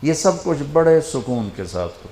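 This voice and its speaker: A man preaching a sermon, telling a story with feeling and swinging between loud passages and hushed ones. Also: fairly high pitch, big pitch swings. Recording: roomy with faint background noise.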